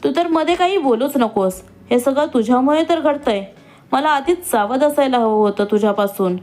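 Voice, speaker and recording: A woman's voice: high voice, animated, normal speed, a little mellow. A woman voicing a scheming, vengeful young woman who has escaped from jail and talks in a taunting, sneering way. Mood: angry.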